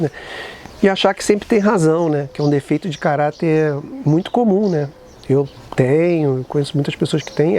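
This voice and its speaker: A man reflecting aloud in a casual, animated way, with many restarts and tag questions. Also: sits high, vocal fry, a little hiss or hum. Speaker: vlogger sharing recovery reflections.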